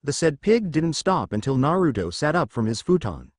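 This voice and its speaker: A man narrating a fan-fiction story in a steady storytelling read. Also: on the high side, moderate pace, no room sound, clean studio sound.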